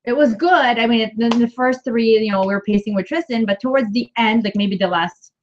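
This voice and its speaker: A woman's voice: fairly high pitch, fairly quick, darkish tone. A woman co-hosting a casual live stream, chatty and playful. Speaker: co-host. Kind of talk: casual chat. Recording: dull lo-fi livestream audio.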